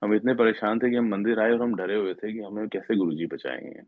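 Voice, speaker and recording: A man's voice: fairly low pitch, steady tone, a little fast, dry recording. A middle-aged man earnestly retelling a devotional story at a satsang, acting out what people said and slipping into English now and then. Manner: earnest retelling that acts out quoted speech, mixing in English. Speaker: devotee sharing a testimony. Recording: tinny phone-like, dry sound.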